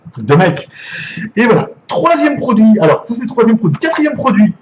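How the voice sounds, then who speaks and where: Excitable French man, lively high voice, casual live unboxing, slightly muffled sound. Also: fairly quick, slight background noise. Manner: excitable, chatty, jokey, swears casually. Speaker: gadget reviewer.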